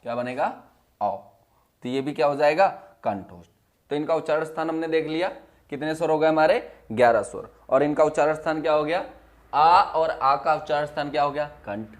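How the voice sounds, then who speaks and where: A man teaching a Hindi class, asking questions and repeating the answers in a steady drill, his voice dropping low and quiet on each answer. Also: fairly quick. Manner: drops to a low, quiet voice when giving the answers. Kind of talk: classroom lesson.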